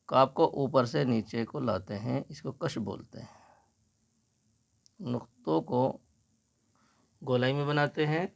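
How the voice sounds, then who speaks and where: A man teaching a slow, patient Urdu writing lesson, explaining each stroke as he writes. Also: medium pitch, vocal fry.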